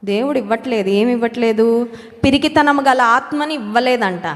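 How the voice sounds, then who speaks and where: Woman, preacher, sermon, emphatic, repetitive, questions the listeners, higher voice, long hall reverb. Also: moderate pace. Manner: emphatic, repeats key words, asks the crowd questions; slips English phrases into her talk.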